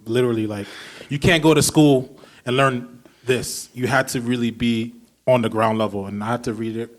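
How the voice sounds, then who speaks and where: A man's voice: mid-range voice, fairly even intonation, normal speed. Man, from Brooklyn, podcast host, casual interview, enthusiastic, rambling questions. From Brooklyn, New York.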